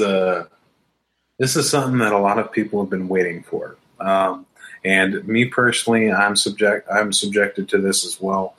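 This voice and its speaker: A man with a fairly low voice chats on a podcast, excitable and rambling, with frequent laughs. He talks in a loose, casual way as a co-host. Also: rough recording.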